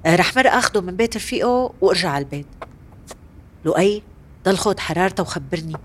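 A woman's voice: lowish voice, lively intonation, fast talker, husky. A woman playing a worried, caring grown daughter looking after her mother. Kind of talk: domestic drama acting.

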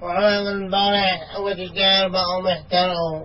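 A man's voice: high-pitched, flat delivery, brisk, natural voice. An actor playing a street junk buyer who sings out his calls. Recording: dull lo-fi sound.

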